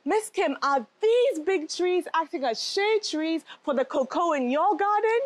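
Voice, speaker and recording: High, lively, gasping kids' show host woman. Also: unhurried, slight background noise. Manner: gasping, wide-eyed excitement. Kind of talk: bubbly children's educational presenting.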